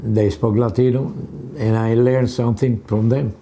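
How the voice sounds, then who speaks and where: An older man from Cuba answering an oral history interview at home in short, halting replies. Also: medium pitch, steady tone, mellow, slight background noise.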